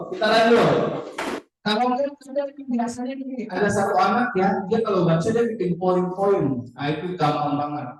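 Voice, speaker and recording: Lively male teacher in an echoey classroom. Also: high voice, distant mic, a little hiss or hum. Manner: lively, calls on students, jokes.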